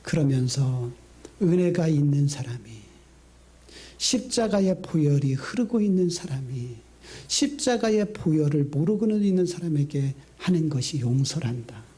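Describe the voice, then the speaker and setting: A middle-aged man preaching a sermon in a notably high but mellow, warm-toned voice. He tells his stories with animation, swinging from high excited bursts to low hushed lines. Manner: lively storytelling, acting out quotes. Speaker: senior pastor.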